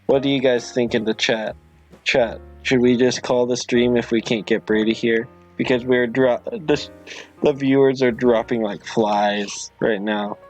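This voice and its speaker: Slow-talking rambling streamer guy. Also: mid-range voice, steady tone, darkish tone, muffled recording, soft background music. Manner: rambling, apologetic, halting. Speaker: livestream host. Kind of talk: casual livestream chat.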